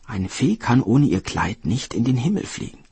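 A man's voice: mid-range voice, very animated, moderate pace, dark tone, husky, dry recording, heavily acted. A man voicing a grateful, wise talking deer in a storybook tale, giving earnest advice. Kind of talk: storybook narration.

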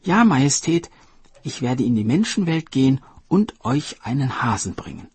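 A man's voice: mid-range voice, big pitch swings, normal speed, a little mellow, slightly rough, no echo, pitched above the performer's own voice. A man voicing a loyal, eager female sea turtle who is earnest and full of wonder.

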